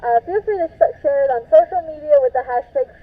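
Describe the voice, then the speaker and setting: A woman science demonstrator, cheery and high-spirited, heard through a string-and-cup telephone. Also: quick pace, dry recording. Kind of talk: upbeat science show sign-off. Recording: tinny, distant cup telephone sound.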